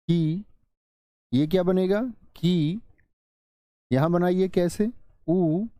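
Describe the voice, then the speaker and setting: High-voiced male Hindi teacher drilling letters. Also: mellow, no room sound, studio quality. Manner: drills aloud, quizzing students and repeating sounds. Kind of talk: online exam-prep class.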